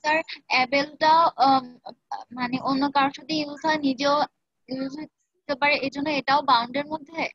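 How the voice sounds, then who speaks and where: A female student with a high voice asks her teacher polite, hesitant questions. The sound is dry and close, with a dull, lo-fi quality. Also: steady tone, moderate pace, pauses often, a bit bright, dry recording. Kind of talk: asking questions in class. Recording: dry muffled call audio.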